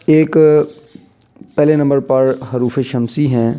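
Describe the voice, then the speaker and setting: A man teaching a grammar lesson, slowly going over letters one by one and repeating himself as he explains. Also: mid-range voice, steady tone, mellow. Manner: slow and repetitive, spelling out letters one by one.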